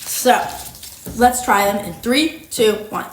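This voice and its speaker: A woman's voice: medium pitch, lively intonation, slow pace. A woman hosting a casual, chatty candy taste test, chewing noisily as she talks. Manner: chewing noisily while talking. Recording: roomy echo, clear background noise, clicks.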